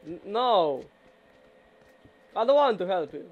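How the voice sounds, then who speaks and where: A man's voice: high voice, big pitch swings, takes it slowly, narrow, tinny audio. A young man chatting casually and teasing his friend while they play a co-op game. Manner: teasing, joking. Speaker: gamer. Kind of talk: casual co-op gameplay chat.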